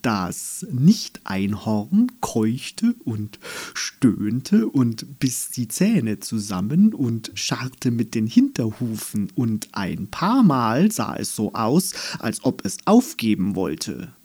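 A man narrating a children's story in German, reading in a slow, expressive manner. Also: breathy edge. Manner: slow, expressive, lively pitch.

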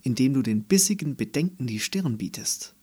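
A man voicing a grumpy male non-unicorn in a storybook, speaking quietly, haltingly and unsure of himself. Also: medium pitch, lively intonation, breathy edge. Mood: sheepish, hesitant. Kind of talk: storybook reading.

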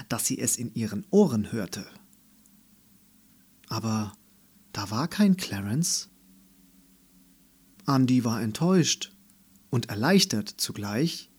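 Male narrator for a children's audiobook; calm, slow and slightly husky. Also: medium pitch.

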